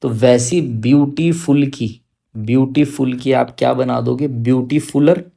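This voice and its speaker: A male teacher giving an exam-prep grammar lesson, coaxing and teasing his students and drawing out English examples slowly. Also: medium pitch, fairly even intonation, creaky, warm tone.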